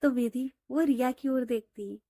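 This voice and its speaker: Woman narrating a story all chatty, high voice, mellow, dry sound. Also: normal speed, no echo. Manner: conversational, retelling with "she says" tags.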